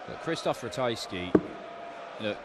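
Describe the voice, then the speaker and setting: Guy co-commentating darts, chatty n opinionated, emphatic, loud noise all behind him. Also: fairly low pitch, expressive, measured pace. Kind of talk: conversational live sports commentary.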